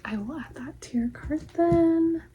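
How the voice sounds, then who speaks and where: A woman in an ASMR whispered role-play, playing a polite, helpful librarian in a soft, breathy library whisper with a gentle, attentive manner. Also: sits high, a little slow, highs cut off, noisy background, voice pushed up. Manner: gentle, hushed, attentive customer-service talk. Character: helpful, polite female librarian recommending books to a customer.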